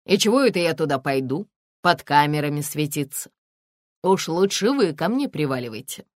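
A sly, jovial police lieutenant colonel, as a woman reads him in an audiobook, teasing in folksy banter. His voice sits low and swings widely, loud and lively. The sound is dry and close. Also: moderate pace, no room sound. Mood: jovial mocking.

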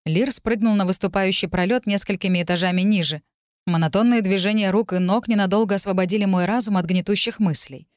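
A woman narrating a first-person audiobook in a measured, emotive way. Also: medium pitch, no echo, studio quality.

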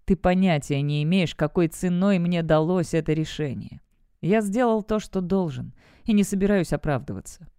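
Woman doing a stern noble father, curt, commanding, warm mellow tone, dry close sound. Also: on the low side, normal speed, smooth, no room sound, natural voice. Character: stern noble father, a high-ranking guard, gruff. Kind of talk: audiobook character voice.

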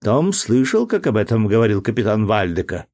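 A man reading aloud, voicing a kindly, amused lady passenger who teases gently. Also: lowish voice, very animated, fairly quick. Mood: gently teasing. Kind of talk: audiobook character voice.

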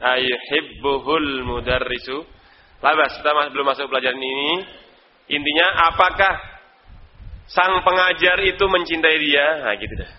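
A man's voice: fairly high pitch, moderate pace, slight background noise. Indonesian man teaching an Arabic class. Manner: calls on students by name, quizzes them, chuckles. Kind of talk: live online Arabic class. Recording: dull lo-fi recording.

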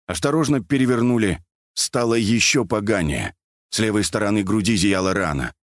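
A man narrating a story in an expressive, vivid audiobook reading. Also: on the low side, moderate pace, no room sound, studio quality.

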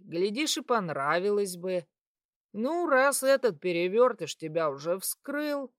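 A woman voicing a brutish male satyr who talks in a crude, mocking, threatening way, lower and louder than her own voice. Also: no room sound, studio quality. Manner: crude, taunting, hissing.

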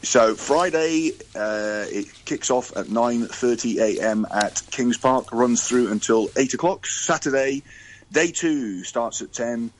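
A man with a croaky, frog-in-the-throat voice and a middling pitch. He chats casually as a guest, tossing in dry jokes and stumbling into repeated words. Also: slow pace, poor audio. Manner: joking, stammering repetitions. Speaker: sports organisation chief executive, interview guest. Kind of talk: casual chat.

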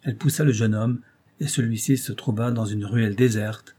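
A man narrating a romantic novel in a measured, lyrical storytelling manner. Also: on the low side, steady tone, dark tone, a little hiss or hum. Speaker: audiobook narrator. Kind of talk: literary audiobook narration.

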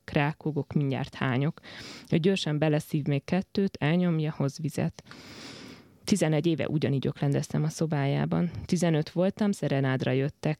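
A man with a fairly high, gravelly voice reads literary prose aloud in a calm, measured way. The sound is dry and close, with no room around it. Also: dry recording. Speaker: reader of a literary text. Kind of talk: literary prose reading on radio.

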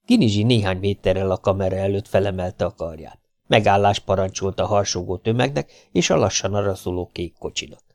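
Low-voiced male audiobook narrator, wry storytelling, dry recording. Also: darkish tone, no room sound. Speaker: audiobook reader.

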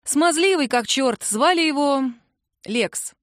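A woman's voice: high-pitched, lively intonation, slow, fairly bright tone, no echo, studio quality, pitched above the performer's own voice, heavily acted. A woman reading a curt guarded young woman. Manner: curt, clipped replies.

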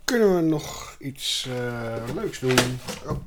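Slow, halting male radio host. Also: mid-range voice, sing-song, heavy background noise. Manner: halting, with many fillers. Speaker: radio host playing records. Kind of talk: casual chat between records.

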